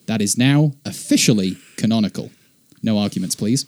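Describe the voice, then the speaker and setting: A man's voice: fairly low pitch, moderate pace, a little mellow. A man hosting a comedy podcast quiz, making crude, sarcastic jokes. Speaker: quiz host.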